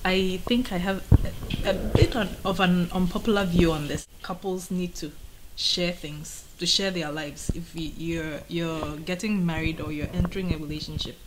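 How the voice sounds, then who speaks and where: Interviewee: Ghanaian-accented woman, lowish voice, conversational and reflective, faint noise behind. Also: steady tone, moderate pace. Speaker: writer being interviewed. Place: indoors on a sofa by shelves of mugs.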